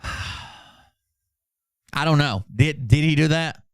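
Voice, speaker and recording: A man hosts a commentary livestream, reacting sarcastically and profanely and mocking his material with mock-dramatic readings. His voice is a little high, smooth and extremely slow, captured at studio quality with no echo.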